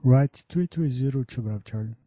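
A man's voice: medium pitch, fairly quick, no room sound. A man talking as a pilot over a cockpit headset radio, giving clipped, procedural readbacks. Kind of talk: aviation radio calls. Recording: muffled lo-fi radio audio.

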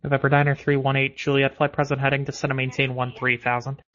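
A man's voice: medium pitch, little pitch movement, fast. A man working as an air traffic controller, giving clipped, matter-of-fact procedural instructions over radio. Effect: radio transmission. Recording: dull band-limited radio audio.

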